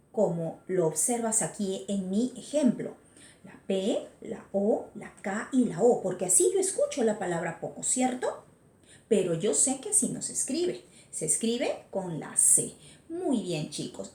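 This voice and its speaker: Peruvian woman teacher, patient and encouraging, fairly high voice, echoey room. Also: warm tone. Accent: Peruvian Spanish. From Peru. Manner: patient, encouraging, asks students questions. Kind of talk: virtual class lecture.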